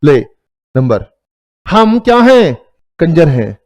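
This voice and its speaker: A man's voice: on the high side, very animated, takes it slowly, a little mellow. A man with an Indian accent teaching an accounts class, mixing Hindi and English, joking with his students and calling them "beta". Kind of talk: classroom lecture.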